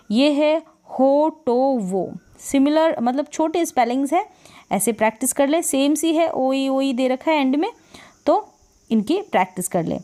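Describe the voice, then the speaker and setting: A woman's voice: fairly high pitch, darkish tone. A woman teaching English spelling and pronunciation, patiently repeating and drilling each word. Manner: patient, repeats words slowly and drills them.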